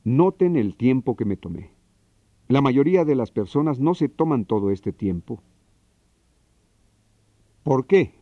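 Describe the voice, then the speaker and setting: A man giving a dubbed seminar lecture. He explains in a measured way and speaks straight to his audience. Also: medium pitch, expressive, dry recording, muffled recording.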